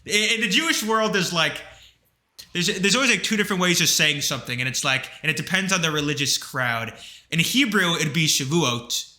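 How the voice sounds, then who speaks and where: In an echoey room, a young man with a high-side voice talks fairly quickly while co-hosting a casual podcast with his brother. He's animated and rambling, his chat packed with fillers.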